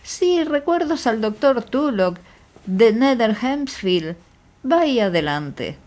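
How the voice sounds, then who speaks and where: Una mujer que lee en audiolibro a un detective ciego, caballero sereno y de trato amable y algo burlón. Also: female voice, fairly high pitch, big pitch swings, takes it slowly, darkish tone, pitched above the performer's own voice. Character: blind gentleman detective, calm and dry.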